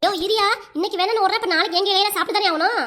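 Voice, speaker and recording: A woman voicing a nagging, sharp-tongued elderly grandmother in a cartoon comedy, with a southern Tamil Nadu accent, scolding and exasperated. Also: extremely high pitch, racing, very noisy, voice pushed up. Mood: teasing.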